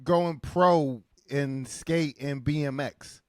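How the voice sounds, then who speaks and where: A man hosting a casual podcast interview, laid-back and quick to agree. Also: a little high, darkish tone, no room sound, studio quality. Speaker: podcast host.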